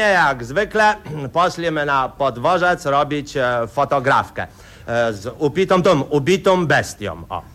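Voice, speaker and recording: A man's voice: on the high side, fairly bright tone, slight background noise. A man, telling a rambling, folksy satirical story full of fillers. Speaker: comic storyteller. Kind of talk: satirical radio monologue.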